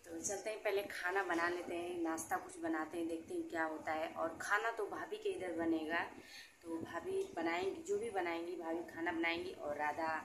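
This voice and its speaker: A woman's voice: fairly low pitch, expressive, moderate pace, crowd noise. A young woman talking casually to her viewers in a daily home vlog, showing her rooms on a phone camera. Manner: chatty, talks straight to viewers while showing her home. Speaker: vlogger. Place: emptied rented room at home, echoing. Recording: echoey empty room, noisy phone audio.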